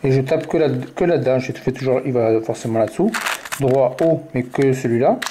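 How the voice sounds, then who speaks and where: A man's voice: mid-range voice, expressive, brisk, noisy background. A man giving a step-by-step puzzle tutorial, muttering the colors and moves aloud as he works.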